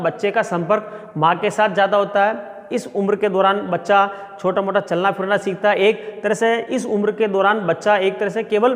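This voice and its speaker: Lecturing man in a reverberant room. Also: high-pitched. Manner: explains step by step with everyday examples. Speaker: sociology professor. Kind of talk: classroom lecture. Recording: long reverb.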